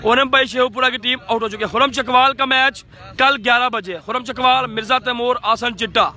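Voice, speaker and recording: A Pakistani man giving excited live cricket commentary outdoors, repeating phrases and dropping in English words. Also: very high voice, a little fast.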